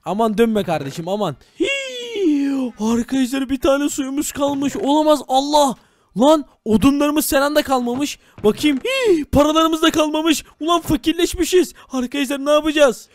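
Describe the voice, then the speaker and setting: A man's voice: very high-pitched, normal speed, no room sound, clean studio sound. A man hosting a game role-play video, talking dramatically to viewers and exclaiming as a village head.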